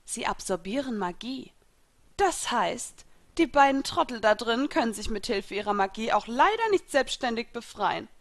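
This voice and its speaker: A woman reading a cold, mocking young female mage of a dark guild in a fan audiobook. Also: a little high, very animated, normal speed. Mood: gloating. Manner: taunting, with an icy laugh.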